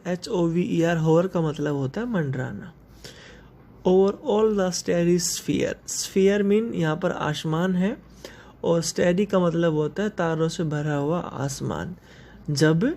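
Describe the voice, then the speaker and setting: A male English teacher in a recorded lesson, reading poem lines slowly and then explaining word meanings to his students. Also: a little high, mellow. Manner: mixes English and Hindi, addresses students directly.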